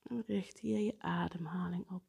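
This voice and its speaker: A woman guiding a breathing meditation in a soft, partly whispered, unhurried way. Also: on the low side, steady tone, gravelly, breathy edge. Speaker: meditation guide.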